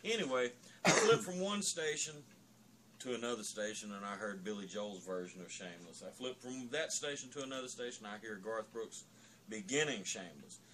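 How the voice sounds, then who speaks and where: A man's voice: lowish voice, brisk, a bit bright. Drunken man on a rambling rant, noisy recording. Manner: rambling, opinionated storytelling. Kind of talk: profane comic rant.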